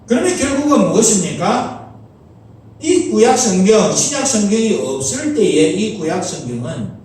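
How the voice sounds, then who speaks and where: A man's voice: high-pitched, a little mellow. A middle-aged man preaching a Sunday sermon as pastor, earnest, asking rhetorical questions. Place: church sanctuary. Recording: very echoey church hall, mic at a distance.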